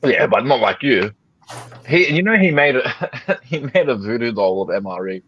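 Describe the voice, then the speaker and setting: A YouTuber with a medium-pitched, expressive voice chats casually on a live stream at a moderate pace, joking, laughing often, and talking while he eats. The call audio is slightly dull with faint noise.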